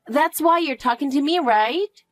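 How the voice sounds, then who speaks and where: A woman voicing an anxious, clingy elementary-school girl in an audio drama, asking high, pleading questions. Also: measured pace, no room sound. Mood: eager.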